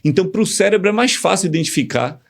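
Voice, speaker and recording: Gravelly man explaining. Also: high-pitched, fast. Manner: animated, teacherly, uses examples. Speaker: communication guest. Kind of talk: casual podcast conversation, explaining.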